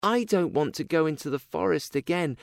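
A man voicing a polite, timid little girl in a storybook reading, with a raised, gentle voice. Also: fairly high pitch, lively intonation, a little fast, vocal fry, no echo, studio quality, voice pushed up.

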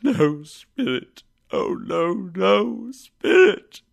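A man voicing an old male miser who cries out in an excitable, exclamatory way. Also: fairly high pitch, measured pace, creaky, full character voice. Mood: pleading.

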